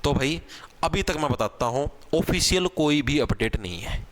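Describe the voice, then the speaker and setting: A man teaching an exam-prep grammar class, casual, asking questions and answering them himself, sounding out letters slowly. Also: fairly high pitch, lively intonation, a bit bright. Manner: spells out sounds slowly, one at a time. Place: online class video.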